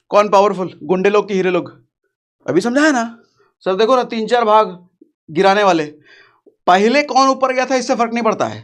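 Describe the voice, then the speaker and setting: Man, high voice, joking rustic teacher, repeats phrases. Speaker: trading teacher. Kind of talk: casual chart lesson.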